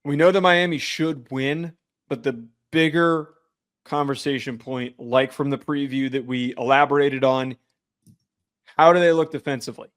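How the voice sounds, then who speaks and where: A man's voice: medium pitch, moderate pace, a bit bright, clear, resonant tone. A man co-hosting a casual sports podcast from New Jersey, laying out confident, analytical betting picks. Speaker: podcast co-host.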